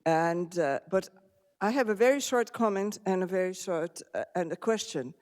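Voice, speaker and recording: A woman's voice: on the low side, moderate pace, a little mellow. A woman from Serbia in the audience, politely commenting and asking a question of the panel. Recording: reverberant lecture hall.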